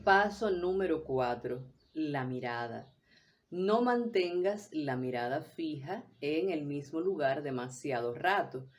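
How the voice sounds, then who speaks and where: A woman teaching a voice workshop in a measured, deliberate way, now and then acting out short examples. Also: low voice, expressive, lo-fi sound, slight background noise. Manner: measured, deliberate delivery with brief acted examples. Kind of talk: scripted instructional talk.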